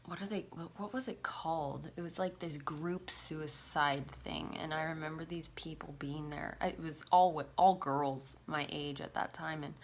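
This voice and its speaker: Lower-voiced woman telling a personal story. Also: steady tone, moderate pace, hardly any pauses, slight background noise. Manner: casual, confessional, lots of "like" fillers; swears casually. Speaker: vlogger.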